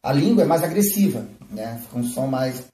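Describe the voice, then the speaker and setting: In a live-streamed music lesson, a flute teacher explains techniques and keeps checking in with "né?" and "tá?". His mid-range, mellow voice has lively intonation and a fairly quick pace, recorded from a distance in a roomy space.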